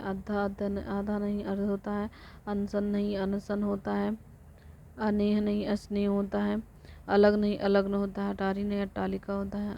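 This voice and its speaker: Female tutor drilling exam word lists in a very flat voice; muffled recording. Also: mid-range voice. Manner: flat rote recitation, corrects herself. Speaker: teacher. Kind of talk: reciting exam vocabulary lists. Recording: dull lo-fi recording with faint noise.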